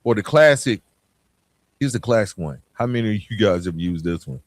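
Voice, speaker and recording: A podcast host with a lowish, lively voice speaks at a moderate pace on a dry recording with no echo. His style is plainspoken and conversational, motivational in tone, and he poses rhetorical questions straight to his listeners.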